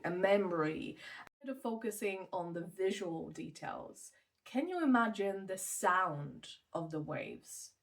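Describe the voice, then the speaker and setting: A woman mindfulness teacher explains a meditation technique in a gentle, measured voice that sits a little low. She pauses on soft fillers as she talks. Her voice sounds set back from the microphone. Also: far from the mic. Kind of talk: calm explanatory talk on meditation.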